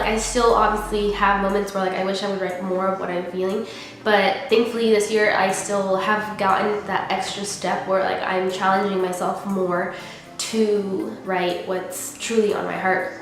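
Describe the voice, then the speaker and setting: A woman's voice: medium pitch, a bit bright. A young woman who is congested with a cold, talking casually and earnestly in a reflective vlog and often dropping in "like" as a filler. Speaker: vlogger. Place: unfurnished apartment room, indoors. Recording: very echoey empty room, music underneath.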